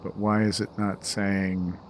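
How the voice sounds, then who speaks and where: A tired man developing a game mod, thinking aloud as he reads code and tests it. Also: flat delivery. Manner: mutters code to himself, tired, slow and low-key. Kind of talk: thinking aloud while coding and playing. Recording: clear background noise with keyboard typing.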